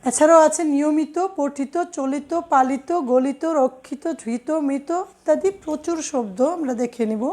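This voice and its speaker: A woman teacher giving an online grammar lesson, slowly and deliberately reading out lists of example words. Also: high-pitched, a little mellow.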